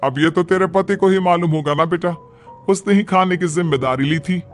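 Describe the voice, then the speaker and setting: A man does cartoon voice acting as a stern, domineering middle-aged mother-in-law, scolding and commanding. His natural-sounding voice sits high at a moderate pace, with faint music playing behind.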